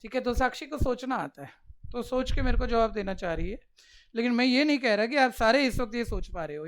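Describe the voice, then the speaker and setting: A man teaching maths to a class, coaxing the pupils along with quick direct questions. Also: very high-pitched, fairly bright tone, smooth. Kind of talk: classroom lecture.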